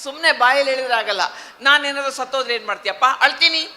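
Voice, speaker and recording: A man's voice: very high voice, very fast, pushed and bright, faint music behind. A male ventriloquist bantering as the straight man with his puppet in a stage comedy show.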